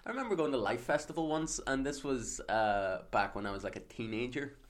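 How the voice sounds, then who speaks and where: A young man from Northern Ireland co-hosts a podcast in a casual chat, rambling with plenty of fillers and laughter. His voice is mid-range and a little fast.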